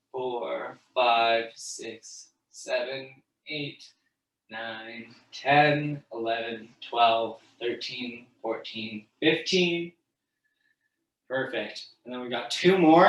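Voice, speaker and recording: A man leading an online stretching class, casual and encouraging, counting each hold out loud. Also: medium pitch, far from the mic. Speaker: fitness instructor. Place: room, moving away from the mic while standing. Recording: echoey room, voice from off the mic.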